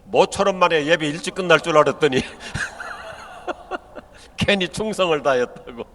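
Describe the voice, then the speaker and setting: Older man, Chungcheong accent, joking pastor, a bit high voice, long echo of a big church hall. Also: a little slow, a little hiss or hum. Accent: Chungcheong Korean. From Chungcheong, Korea. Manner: joking storyteller, acts out dialect and quotes in lively voices. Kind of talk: humorous sermon at a pastors' seminar.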